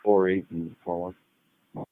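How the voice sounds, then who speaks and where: A man with a very low voice dispatches police over two-way radio. He speaks in measured, clipped procedural phrases. The sound is dry and somewhat dull, like a lo-fi scanner feed. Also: little pitch movement, no room sound.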